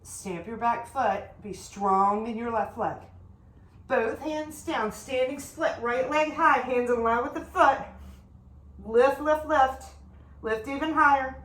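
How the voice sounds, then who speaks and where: A woman's voice: high-pitched, takes it slowly, roomy sound. Winded woman cueing a yoga flow. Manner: calm, directive cues, sometimes winded while moving. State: slightly out of breath. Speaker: yoga instructor.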